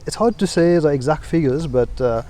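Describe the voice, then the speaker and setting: A man with a Mauritian accent answering interview questions in a conversational, halting way, with frequent pauses. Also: a little high, expressive, warm tone. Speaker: company CEO, interviewee.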